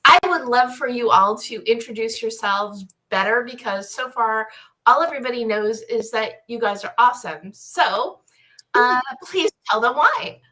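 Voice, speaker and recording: A woman's voice: on the high side, moderate pace, bright, forceful tone, rough recording. A woman hosting a live panel show, chatty and rambling, often interrupting herself as she goes. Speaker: live show and podcast host.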